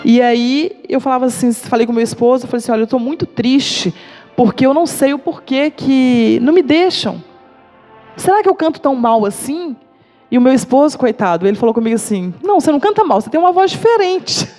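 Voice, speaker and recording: A woman's voice: a little high, a little fast, mellow, faint music behind. A woman giving a testimony to a church congregation, telling her story vividly and acting out the dialogue she quotes. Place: church service.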